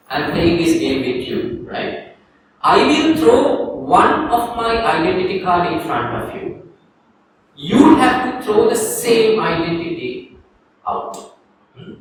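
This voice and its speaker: A Sri Lankan man, a Buddhist monk, giving a calm dharma talk to a group and leading a guided reflection. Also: high-pitched. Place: teaching hall in Sri Lanka. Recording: echoey room, distant mic, faint noise.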